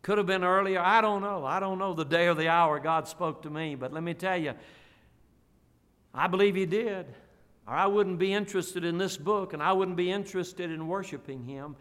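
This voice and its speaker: A man preaching a sermon as pastor, slow emphatic drawn-out phrases and folksy asides. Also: high-pitched, a bit bright. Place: church auditorium. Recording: long reverb of a church hall.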